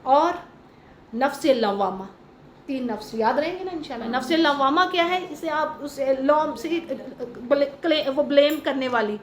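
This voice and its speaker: High-voiced woman teaching Quran commentary. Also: expressive, roomy sound, a little hiss or hum. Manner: explains patiently, mixing in English terms and reciting Arabic verses; asks the class questions and waits for answers.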